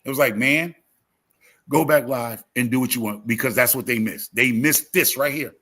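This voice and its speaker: This man's voice is medium-pitched, a bit bright and husky, at a normal speed. In his fifties, he creates gardening videos on YouTube and hosts livestreams, where he chats casually, telling motivational stories with emphasis and repeated phrases.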